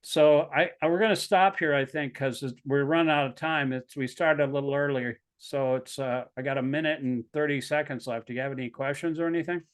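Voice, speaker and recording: A man's voice: fairly high pitch, steady tone, a little fast, few pauses, clear, resonant tone. A man leading a scripture class, explaining earnestly with frequent stumbling restarts. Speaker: class leader.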